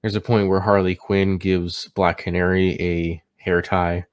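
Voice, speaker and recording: A man's voice: low-pitched, little pitch movement, unhurried, clean tone. A man giving a casual, unscripted movie review, sounding tipsy as he stumbles over words and catches himself.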